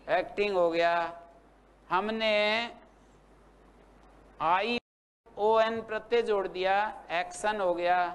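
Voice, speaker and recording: His voice sits high, fairly bright, clear, and resonant as he leads a Sanskrit grammar lecture. Patiently he drills the class with questions and repetition, spelling out each word form slowly.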